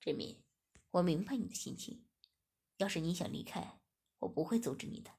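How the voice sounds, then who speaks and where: A woman voicing a calm young man who speaks in a low, steady, reassuring way. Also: moderate pace, vocal fry, breathy edge, full character voice. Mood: soothing. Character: calm young male master, soothing.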